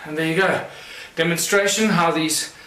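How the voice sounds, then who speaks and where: A man's voice: on the high side, steady tone, moderate pace, background noise. Man lecturing in an echoey room. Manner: explanatory, loose and rambling with fillers. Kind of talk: lecture with live demonstration.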